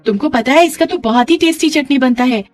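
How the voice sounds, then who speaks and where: A woman's voice: high-pitched, a little fast, soft background music, pitched above the performer's own voice, close to an everyday voice. Woman doing a naive bride. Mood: cheerful. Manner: cheerful, naive, broken grammar. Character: foreign young bride speaking broken Hindi.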